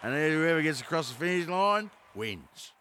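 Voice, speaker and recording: A clueless rowing commentator with a broad Australian drawl, as a man puts him on. He stretches out his words, piles on slang and climbs higher in pitch as he gets excited. A faint background noise sits under the voice. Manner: drawn-out, rising excitement, slangy.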